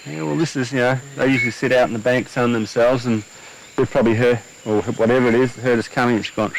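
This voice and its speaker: A man's voice: medium pitch, fairly even intonation, fast. A middle-aged Australian man chatting casually on location as part of an expedition team. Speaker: crocodile expedition team member. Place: outdoors on a jungle riverbank. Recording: noisy outdoor location sound.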